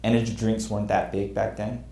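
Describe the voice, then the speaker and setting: In an echoey room, a man in his thirties lectures a class as a military instructor, earnest and candid about mistakes he has made. His voice is lowish, gravelly and dark, with a level tone and a fairly quick pace.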